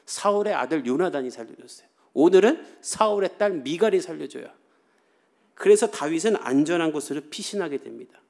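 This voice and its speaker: A man's voice: fairly high pitch, a little mellow. A man preaching a sermon as pastor, telling the story in a casual, chatty way and acting out the quoted lines.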